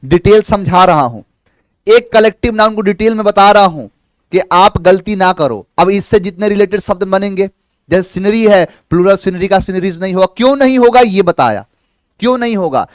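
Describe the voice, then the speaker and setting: A male grammar teacher giving a live online lesson, animated, acting out imagined student replies in quick back-and-forth dialogue. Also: sits high, no room sound, clean studio sound.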